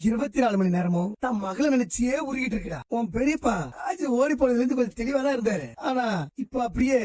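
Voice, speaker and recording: A calculating middle-aged uncle in a TV serial, plotting in a hushed, conspiratorial way. His voice sits high for a man and has a husky grain, and he talks fast. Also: no echo. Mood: scheming. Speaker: scheming uncle.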